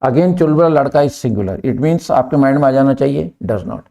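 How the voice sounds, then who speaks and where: A middle-aged man with an Indian accent teaching an English grammar lesson in Hindi and English, slowly dictating example sentences and often asking "clear?". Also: medium pitch, animated, dark tone. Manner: slow deliberate dictation of example sentences, frequent "clear?" checks.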